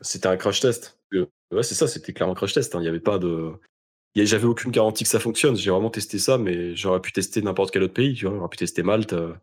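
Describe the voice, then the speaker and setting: A man's voice: low-pitched, fast talker. A young man from France talking casually as an interview guest, in an informal, slangy way with emphatic repetition. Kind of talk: casual conversation.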